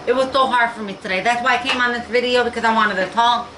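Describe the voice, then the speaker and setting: A woman talking in a halting, tearful way and repeating herself, near tears, in a home vlog. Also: on the high side, fairly even intonation, bright, forceful tone. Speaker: vlogger. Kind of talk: emotional personal vlog. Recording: echoey room with faint noise.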